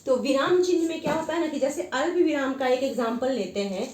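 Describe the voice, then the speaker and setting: A woman teaching a grammar lesson with a high, clear voice. She explains patiently and repeats each point. The room around her rings with echo. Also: a little mellow. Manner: explains slowly with many repetitions.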